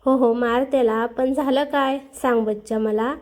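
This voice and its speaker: A patient young stepmother calmly reasons with quarreling children, as a woman storyteller voices her. Her voice is high and soft in tone. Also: normal speed, lightly acted. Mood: coaxing. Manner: soothing, explaining.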